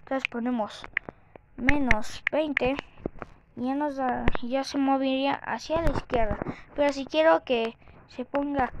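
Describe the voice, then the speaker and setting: A youthful woman with a high voice talks through a casual game tutorial. She goes slowly and haltingly, thinking aloud. The mic sounds muffled and clearly noisy. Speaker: tutorial host. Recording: muffled lo-fi mic with clicks and noise.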